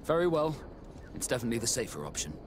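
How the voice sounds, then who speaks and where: A man playing an earnest, discreet naval captain with a measured delivery in a video game cutscene. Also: medium pitch, big pitch swings, background noise, natural voice. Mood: hushed, cautious. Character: naval captain, Vasco, earnest man seeking his origins.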